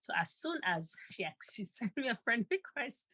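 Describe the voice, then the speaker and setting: A woman's voice: a little high, very animated, normal speed, sharp tone, slightly rough, no echo. A woman co-host telling a personal story with feeling, often repeating herself and laughing lightly.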